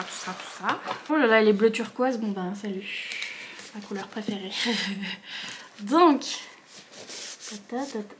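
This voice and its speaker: A young woman filming a casual book unboxing vlog at home, gushing with quick bursts of excitement and a bubbly, chatty manner. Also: background noise. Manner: talks to her dog in a higher voice. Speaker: book vlogger.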